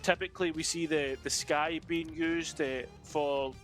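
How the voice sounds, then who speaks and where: A man's voice: fairly high pitch, fairly even intonation, unhurried, fairly bright tone, soft background music. A British man analysing an esports match as co-caster, explaining tactics in a thoughtful, hesitant way with many fillers.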